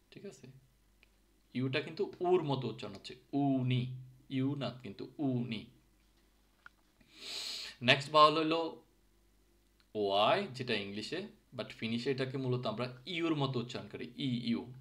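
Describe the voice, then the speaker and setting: A man's voice: medium pitch, a bit bright. A man explaining letter sounds in a casual lesson, often checking in with his listeners and mixing English words into his speech. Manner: checks in with "ঠিক আছে?" often. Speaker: language teacher. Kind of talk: explaining pronunciation.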